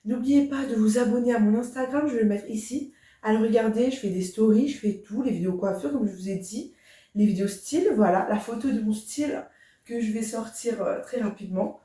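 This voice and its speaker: Young female vlogger, enthusiastic, quiet delivery, higher voice, recorded far off in an echoey room. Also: brisk. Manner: chatty, enthusiastic, addresses viewers directly; soft-spoken. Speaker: beauty vlogger. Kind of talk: casual get-ready-with-me vlog. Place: indoor room. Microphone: camera standing at a distance.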